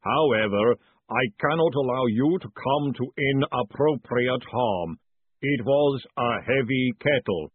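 A man voicing a calm, literal-minded male clay golem with a slow, rumbling, formal way of speaking. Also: slightly rough, no room sound. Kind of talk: audiobook narration. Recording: dry, phone-like narrow band.

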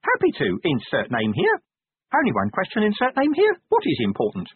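A man's voice: high voice, huge pitch swings, brisk, breathy edge, dry recording, pitched above the performer's own voice, exaggerated voice. A man voicing a tiny, proud magical imp in a storybook, officious and eager to please, with chirpy formal speech. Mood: pedantic. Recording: narrow-band, phone-like audio.

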